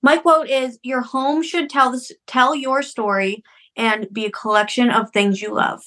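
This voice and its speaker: A young woman co-hosts a relaxed podcast in an easygoing, chatty manner. She tells everyday stories at an unhurried, casual pace. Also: a little high. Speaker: podcast co-host. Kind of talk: casual chat.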